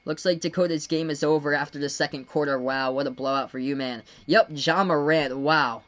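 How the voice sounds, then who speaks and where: A young man from Massachusetts streaming live basketball play-by-play. He speeds into excited calls of the action between relaxed chats with viewers. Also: a little high, brisk, lo-fi sound. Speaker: live-stream sports commentator. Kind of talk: live play-by-play with chat shout-outs.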